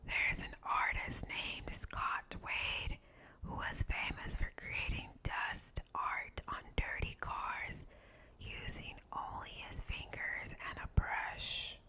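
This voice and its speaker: A woman speaks entirely in a breathy whisper, in the manner of an ASMR host reading out facts. Her delivery is slow and deliberate, with measured phrasing. The whisper has a bright, sharp edge.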